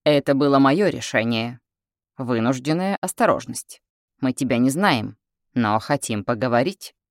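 A man's voice: mid-range voice, animated, a little slow, no echo, clean studio sound. A woman doing a cool, persuasive male leader. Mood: cool, firm. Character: calm, scheming male leader pressing for talks.

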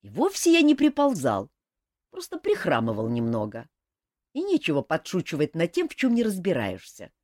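A woman's voice: sits low, wildly swooping pitch, normal speed, a little mellow, dry recording, studio quality, exaggerated voice. A woman reading an audiobook, voicing a hot-tempered young warrior prince who grumbles and blusters. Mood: blustering. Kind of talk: audiobook character voice.

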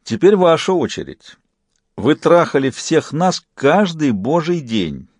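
A man reading a triumphant would-be god who taunts his enemies in loud, gloating threats. The voice sits higher than the narration and rings dry and close. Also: sing-song, a little slow, no echo. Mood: menacing.

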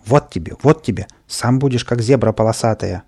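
A man's voice: medium pitch, fairly quick, warm tone, natural voice. A man doing a grumbling house painter. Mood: threatening. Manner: threatening, scolding. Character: irritated adult male house painter.

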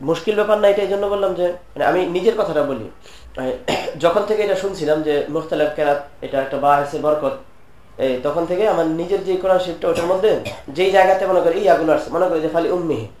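Man teacher, high-pitched, lecturing a class, repeats points and quizzes listeners, roomy echo. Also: fast talker, a little mellow. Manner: explains term by term, repeats points, asks students questions. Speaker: teacher of Quran commentary. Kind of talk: classroom lecture explaining a text.

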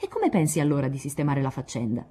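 Spirited coaxing young woman, read by a woman; husky timbre. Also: a bass voice, quick pace, exaggerated voice. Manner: coaxing, lively.

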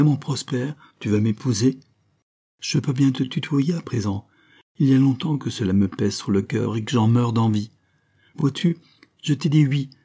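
A man's voice: medium pitch, mellow, breathy edge, voice pushed up. A man reading aloud voices a careworn young woman who is tender and overwhelmed, speaking with pleading emotion.

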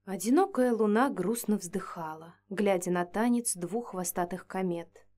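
A woman's voice: mid-range voice, measured pace, a little mellow. A woman reading a first-person fantasy story aloud in a playful, ironic manner. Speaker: audiobook narrator.

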